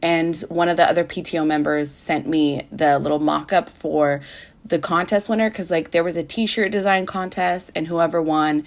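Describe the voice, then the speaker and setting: Rambling low-voiced woman vlogger. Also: steady tone, moderate pace, vocal fry. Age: early 30s. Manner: rambling, conversational, frequent "like". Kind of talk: casual vlog chat. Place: indoors at home.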